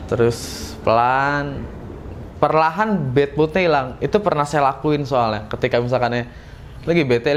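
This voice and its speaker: A man talks through an acting lesson in a loose, conversational way. His voice sits at an ordinary middle pitch. A faint hiss of noise runs under his voice. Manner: relaxed and chatty, acts out short emotional examples. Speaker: acting teacher. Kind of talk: casual classroom-style lesson.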